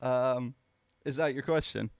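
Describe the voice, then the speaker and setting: A man's voice: medium pitch, a little slow, clean tone. A man co-hosting a podcast, hesitant and giggly. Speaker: podcast co-host. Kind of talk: casual banter.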